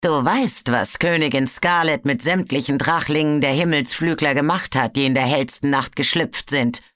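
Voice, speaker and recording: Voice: mid-range voice, moderate pace, fairly bright tone, no room sound, clean studio sound, natural voice. A storybook narrator voicing a cold, sarcastic ice dragon who hisses its words. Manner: hissing, icy, sarcastic. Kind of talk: audiobook character voice.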